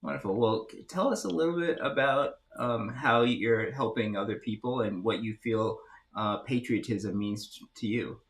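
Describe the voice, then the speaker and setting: A man's voice: on the low side, moderate pace. A man hosting an interview, asking friendly, curious questions. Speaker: host.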